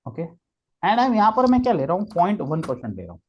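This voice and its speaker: A man's voice: sits high, wildly swooping pitch, fast, darkish tone. Man explaining trades in dull lo-fi audio. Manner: mixes Hindi and English, explains step by step with frequent "okay". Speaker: trading guest expert. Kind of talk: explanatory chart walkthrough.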